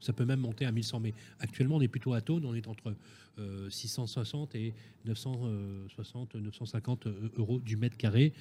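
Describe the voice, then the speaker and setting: A man's voice: medium pitch, steady tone, a little fast, warm tone, slight background noise. A man questioning guests in a panel discussion, direct and insistent, rephrasing as he goes.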